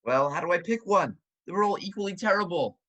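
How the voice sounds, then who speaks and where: A man plays a nervous casting director with a bright, highish voice that rises and falls a lot. He sounds fussy and pleading, heard over a video call in an amateur comedy sketch. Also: brisk. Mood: fretful. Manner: pleading, fretful, lively.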